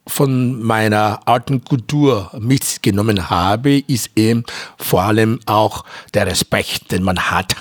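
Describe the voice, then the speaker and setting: Low, husky man, slow and earnest. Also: no room sound, clean studio sound. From Nigeria. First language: a Nigerian language. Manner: hesitant, many fillers, earnest. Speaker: interview guest, author. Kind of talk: interview answers.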